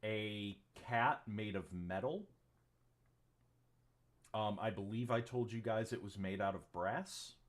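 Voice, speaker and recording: A game master narrates a tabletop game on a livestream, his voice on the low side and slow with long pauses. His talk rambles along, peppered with ums and offhand swearing.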